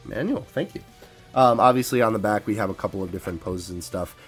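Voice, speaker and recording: A man hosting a casual toy unboxing, excitable and laughing often, stumbling over his words. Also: lowish voice.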